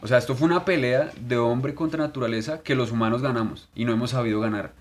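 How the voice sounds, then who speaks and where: A man, co-hosting a podcast in casual chat, telling stories in a crude, animated way full of swearing. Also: mid-range voice, fast. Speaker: podcast co-host.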